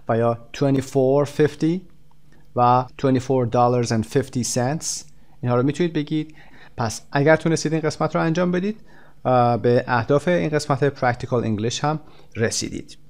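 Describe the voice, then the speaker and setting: Male English teacher, mid-pitched voice, slow English phrases with quick explanations. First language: Persian. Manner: explains each phrase slowly in English, then quickly in Persian. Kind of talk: textbook lesson walkthrough.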